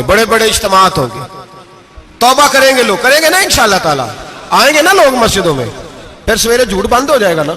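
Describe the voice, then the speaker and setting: A man preaching a sermon, animated and firing rhetorical questions at his audience. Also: high-pitched.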